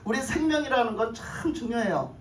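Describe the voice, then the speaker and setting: Preaching in a church sanctuary, this woman pastor speaks fairly quickly in a higher register with big swings in pitch. She keeps putting questions to the congregation, repeats her phrases, and chuckles. The room echoes, her voice sounds far away, and there is faint noise.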